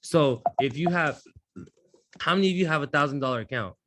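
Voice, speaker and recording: A man's voice: fairly high pitch, fairly quick, a bit bright, no room sound. A man teaching a live trading class, blunt and profane, often restarting his sentences. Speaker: trading instructor.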